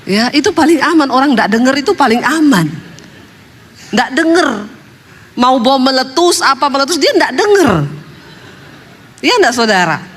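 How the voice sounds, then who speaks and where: A woman's voice: sits high, expressive, moderate pace, long pauses, fairly bright tone, a little hiss or hum. A woman pastor telling stories in a sermon, chatty and humorous, laughing at her own jokes. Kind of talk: storytelling sermon. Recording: long hall reverb.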